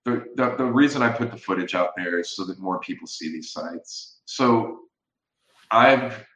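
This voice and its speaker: A man talking as a guest over a video call, casual and halting, often restarting his sentences. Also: low voice, a bit bright, echoey room, poor audio. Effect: heard over a video call. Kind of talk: casual chat.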